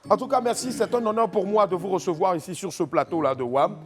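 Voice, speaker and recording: A man's voice: sits high, fast talker. A man hosting a comedy talk show, exclaiming and playing mock-solemn. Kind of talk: comic studio hosting. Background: music.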